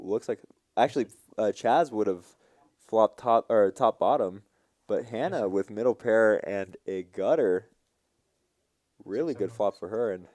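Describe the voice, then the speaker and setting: A man's voice: fairly low pitch, dark tone, dry recording, clean studio sound. A man co-commentating a live poker stream, breaking down ranges and joking with his partner. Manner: laughs easily, joking, analytical.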